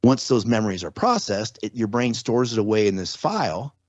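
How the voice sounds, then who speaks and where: This podcast guest explains things one step at a time in a relaxed, conversational way, drawing on everyday examples. His low-leaning, darkish voice has a sing-song quality and moves a little fast, with dull audio and no echo.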